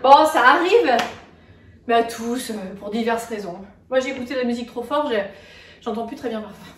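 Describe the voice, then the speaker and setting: A woman's voice: fairly high pitch, normal speed, fairly bright tone, slight background noise. A woman fitness coach leading a live workout, counting reps and checking in on her class while she moves. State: moving while exercising. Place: indoor room with a window. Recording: echoey room, mic at a distance.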